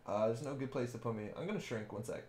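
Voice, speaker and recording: A man commentating a card game live, talking it through as he goes. His voice sits at an everyday middle pitch, and he reasons out each move in a loose, conversational way. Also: fast talker, darkish tone, a little hiss or hum. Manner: thinks aloud, working through plays step by step.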